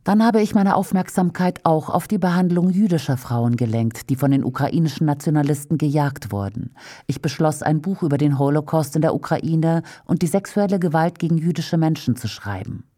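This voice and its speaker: Low, mellow woman reading a translated interview. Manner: reads each speaker's name before their turn, even and measured. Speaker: voice-over translator.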